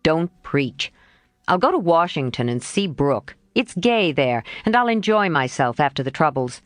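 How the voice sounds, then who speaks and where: A woman's voice: low-pitched, sing-song, normal speed, dry recording, studio quality. A woman voicing a coaxing restless boy. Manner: coaxing, insinuating. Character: willful restless teenage boy.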